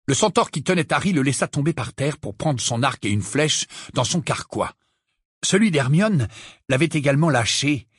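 A man reading a fantasy novel aloud as an audiobook narrator, in a dramatic, expressive way. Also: medium pitch, breathy edge, dry recording, clean studio sound. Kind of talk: scripted narration.

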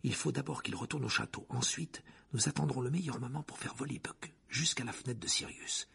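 A man voicing an anxious teenage girl who speaks in a hushed voice, in an audiobook. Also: on the high side, quick pace, creaky, breathy edge, voice pushed up, full character voice.

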